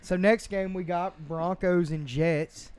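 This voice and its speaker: Man, podcast host, casual sports chat, lively joking delivery, slightly high voice, smooth tone. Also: slow. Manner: animated, joking, leads the picks.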